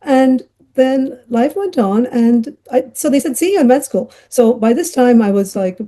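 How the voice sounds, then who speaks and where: A woman's voice: fairly high pitch, measured pace, mellow. A middle-aged woman who grew up in Ghana, telling her life story as a podcast guest in a chatty way with many fillers and laughs. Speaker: guest, child psychiatrist. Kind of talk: conversational storytelling interview.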